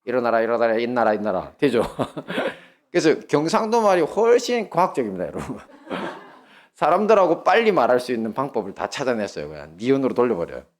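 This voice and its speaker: A male pastor with a Gyeongsang Korean accent, preaching a sermon with lively storytelling and questions put to the congregation. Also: mid-range voice, brisk.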